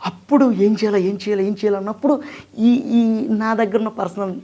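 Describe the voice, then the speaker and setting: A man from Andhra Pradesh with a high-pitched voice, speaking as a guest in an interview. He talks earnestly and emphatically about his work as a mimicry artist and actor. His delivery is heartfelt and insistent. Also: steady tone, warm tone. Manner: earnest, emphatic, sings in a slow drawn-out voice. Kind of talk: interview conversation.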